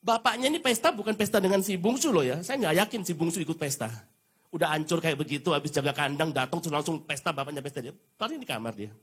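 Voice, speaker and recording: Middle-aged male pastor, casual slangy sermon, high and husky. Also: fast talker. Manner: casual slangy preaching, lively acted-out asides. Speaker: associate pastor. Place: church sanctuary.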